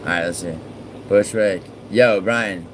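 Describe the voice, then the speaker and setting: A man's voice: low-pitched, unhurried, slight background noise, rough recording. A man hosting a casual livestream, chatting with viewers and swearing often as he rambles and trails off mid-sentence. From born in Italy, raised in New York. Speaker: livestream host. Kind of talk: casual livestream chat, reading viewer messages.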